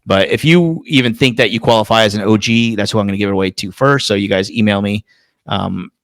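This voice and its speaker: A man's voice: on the low side, quick pace, fairly bright tone, dry recording. A man co-hosting a fantasy football podcast, chatting casually in a rambling way and swearing freely. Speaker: podcast co-host. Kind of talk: casual chat.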